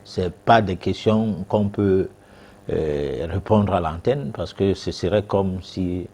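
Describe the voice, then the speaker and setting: A man's voice: low voice, takes it slowly, dark tone, husky. A man, a guest expert on a TV talk show answering viewers' questions, hesitant with many fillers and restarts.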